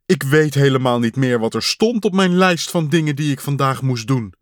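A man's voice: mid-range voice, lively intonation, normal speed, no echo, studio quality, natural voice. A man voicing a fussy, anxious male toad who wails and panics when things go off his list. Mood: agitated. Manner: wailing, panicky when upset.

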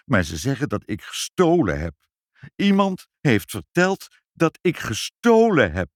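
A broken, tearful bookkeeper stammers out his words in a high, quavering voice that swings wildly, as a man reads him. The sound is close and dry, with no room around it. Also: huge pitch swings, a little slow, no room sound. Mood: distraught. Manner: sobbing, stammering, high and strained. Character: tearful, broken middle-aged male bookkeeper.

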